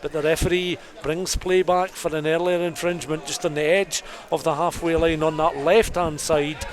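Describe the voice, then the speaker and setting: Live from a rugby stadium, a man calls the play-by-play for radio with detailed, descriptive scene-setting as the crowd roars in the background. His voice is a little high with little pitch movement, and he speaks at normal speed.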